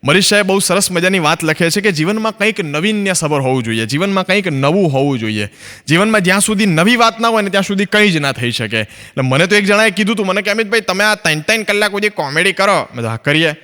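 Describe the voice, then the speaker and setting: A comedian from Ahmedabad, India, speaking with that city's Gujarati accent, talks fast in a high, bright, pushed voice with lively intonation. His stand-up is filmed on a stage for a comedy recording, and a long reverb lingers. He's conversational and voices both sides of his stories.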